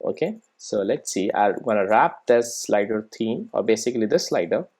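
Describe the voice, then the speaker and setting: This man's voice sits on the low side, with lively intonation and a normal pace, as he leads an unscripted software tutorial step by step, often checking comprehension with quick tag questions.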